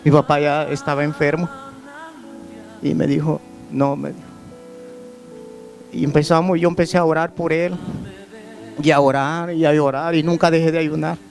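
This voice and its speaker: Man, church testimony, earnest, repeats himself, slightly high voice, faint music behind. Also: level tone, moderate pace, vocal fry, long pauses. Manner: earnest storytelling, repeating words and restarting phrases. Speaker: church member giving testimony. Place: church service.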